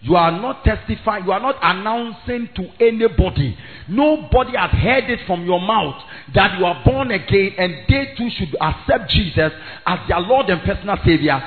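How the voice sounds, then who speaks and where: A man's voice: sits high, lively intonation, normal speed. A man with a Ghanaian accent preaching an impassioned evangelistic sermon, emphatic and repetitive, switching between English, Twi and Ghanaian pidgin. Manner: emphatic, repetitive, rising to shouts. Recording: thin phone-like sound, faint music.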